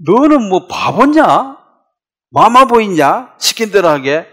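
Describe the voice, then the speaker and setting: A man's voice: high-pitched, big pitch swings, slow pace, sharp tone, voice pushed up, exaggerated voice. A man voicing a sly male devil who goads and mocks a young man. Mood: goading. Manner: mocking, goading.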